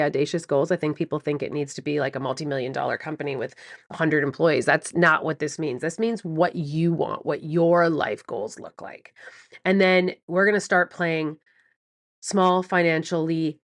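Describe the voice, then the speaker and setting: A woman hosts a solo podcast and coaches her listeners, with a fairly low voice. She talks in an animated, emphatic way and drives points home by repeating words. The sound is dry and close, with no room around it. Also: no room sound. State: morning voice before coffee. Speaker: podcast host and business mentor.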